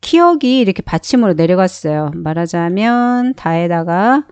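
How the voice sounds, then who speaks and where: A woman's voice: on the low side, lively intonation, moderate pace, a little mellow, clean tone, no echo. A woman teaching a beginner phonics lesson, explaining each sound step by step and repeating every word several times. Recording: dull, dry sound.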